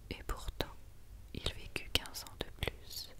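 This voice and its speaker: A woman reads a Christmas story as ASMR in a breathy, unvoiced whisper, hushed and quiet as if at night. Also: takes it slowly. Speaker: ASMR reader.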